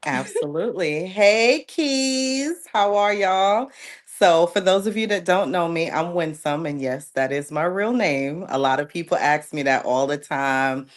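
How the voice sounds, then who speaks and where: Low-voiced woman with a Jamaican lilt. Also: expressive, unhurried. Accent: light Jamaican and New York. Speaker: guest, model. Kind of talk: interview conversation.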